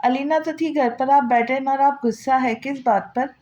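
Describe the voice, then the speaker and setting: A woman voicing a loving young wife who gently coaxes and advises her sister-in-law. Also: sits high, moderate pace, dull audio, a little hiss or hum, close to an everyday voice. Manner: gentle, coaxing.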